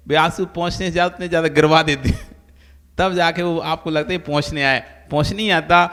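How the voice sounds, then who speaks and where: A man's voice: fairly high pitch, pushed and bright. A man, a monk, giving a sermon and telling everyday stories with acted-out voices. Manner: storytelling with acted-out quoted voices. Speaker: Jain monk preacher. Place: preaching hall. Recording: long hall reverb.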